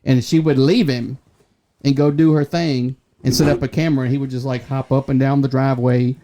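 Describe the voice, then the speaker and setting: A man's voice: medium pitch, little pitch movement, brisk, dark tone, slight background noise. A man, co-hosting a podcast and rambling through crude stories in casual group chat. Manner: rambling storyteller, laughs through his own tales. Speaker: podcast co-host. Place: small podcast studio with several people.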